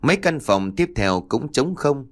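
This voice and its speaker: A man reading a horror audiobook aloud with expressive storytelling. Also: mid-range voice, measured pace. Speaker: audiobook narrator. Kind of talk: scripted horror story narration.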